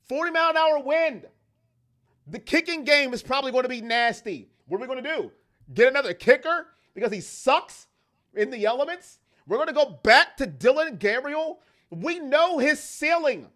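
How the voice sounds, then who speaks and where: A man with a high, bright, cutting voice hosts a fan livestream, talking into a desk mic. He rants with real heat, then drops back to read chat comments aloud. His tone is impassioned and opinionated throughout. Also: lively intonation. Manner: heated, ranting, fast-shifting intensity. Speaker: fan channel host. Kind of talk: livestream sports talk, reading chat.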